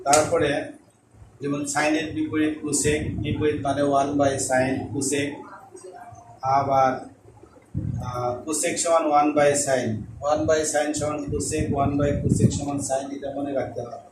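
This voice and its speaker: Man teaching math, slow and repetitive, fairly high voice, far from the mic. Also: level tone. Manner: slow, repeats and spells out terms. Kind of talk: classroom lesson at a board. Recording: echoey room, mic far off, noisy.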